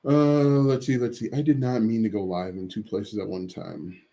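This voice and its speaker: Mellow-voiced man hosting a live Q&A. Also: on the low side, flat delivery, normal speed. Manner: reads viewer questions aloud, hesitant fillers and restarts. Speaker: host answering live chat questions. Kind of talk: casual livestream Q&A.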